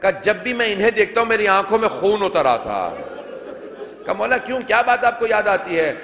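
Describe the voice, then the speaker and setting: A man delivers a majlis sermon on a venue microphone, his voice pitched high. He declaims and acts out quoted dialogue from old narrations. The sound rings in a large hall with long reverb. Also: expressive, a bit bright. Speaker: preacher.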